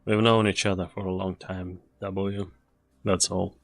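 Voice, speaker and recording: A man with a fairly low voice gives a grave, measured performance as a fatalistic mercenary comrade who still does his duty, part of an anime game dub. He keeps a level tone, with no room sound and faint music under a dry recording. The mood is resolute and somber.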